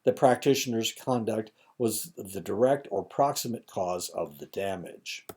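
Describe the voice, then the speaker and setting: A man's voice: on the low side, lively intonation, measured pace, darkish tone. A man giving a recorded lecture, reading points aloud with casual asides and fillers, his throat a little dry.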